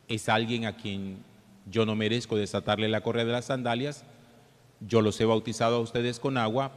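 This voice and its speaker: Male priest, scripture and homily delivery, measured solemn manner, cathedral echo with long reverb. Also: lowish voice. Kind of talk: Gospel reading and homily. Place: large church interior.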